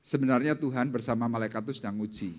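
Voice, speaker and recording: Man preaching in an echoing church. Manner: dramatic, slowing down and rising in pitch for scripture quotes. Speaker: pastor. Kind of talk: sermon. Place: church service hall. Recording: long hall reverb in a church.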